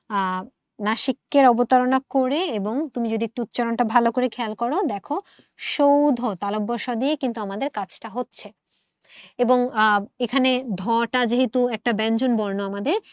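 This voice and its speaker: A woman's voice: fairly high pitch, no echo, studio quality. A woman teaching an exam prep lesson, explaining step by step and repeating words aloud to demonstrate them.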